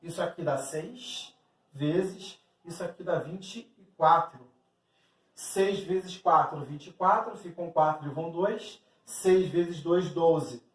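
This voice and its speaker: A man with a Brazilian Portuguese accent and a fairly high voice teaches an exam-prep math lesson slowly, explaining step by step and speaking directly to the student, even acting out the student's questions. The sound is roomy, with him far from the mic.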